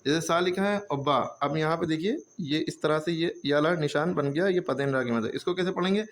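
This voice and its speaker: A man's voice: on the high side, a little fast. A man teaching a handwriting lesson, explaining patiently step by step and often checking that the students follow.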